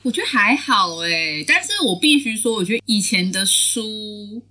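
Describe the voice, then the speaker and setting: A young woman with a Taiwanese accent, chatting casually and telling stories in an animated, self-deprecating way as on a podcast. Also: mid-range voice, normal speed, breathy edge.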